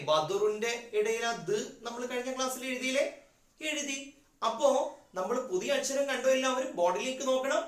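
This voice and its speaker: A man's voice: sits high, fairly bright tone. A man teaching a religious class to young children, patiently asking questions and drilling repetitions. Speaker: madrasa teacher. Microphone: phone. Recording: echoey room.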